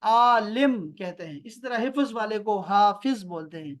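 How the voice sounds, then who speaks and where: Man, Pakistani Urdu accent, online Arabic teacher on a video call; patient, repeats slowly, quizzes students. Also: high-pitched, fairly bright tone. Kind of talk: online class lesson. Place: home near an airport.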